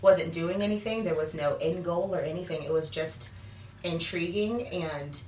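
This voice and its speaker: Thirtysomething woman sharing her testimony, lots of ums, lowish voice, roomy echo, kinda far off. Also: normal speed, darkish tone, a little hiss or hum. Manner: candid, many fillers, laughs often. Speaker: guest. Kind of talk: faith testimony interview.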